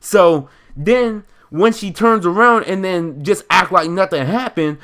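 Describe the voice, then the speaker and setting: A young American man from Chicago telling a story as a casual, animated rant, in an emphatic, indignant, slangy and rambling way. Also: high voice, unhurried. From Chicago, United States.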